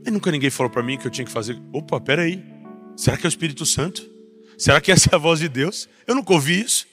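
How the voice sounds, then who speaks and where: A young Brazilian man preaching a personal testimony as a pastor, rising to intense passages and dropping back soft. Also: a little high, expressive, fast talker. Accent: Brazilian Portuguese. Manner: builds to intense raised passages, then drops soft. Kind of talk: sermon testimony. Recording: faint music underneath.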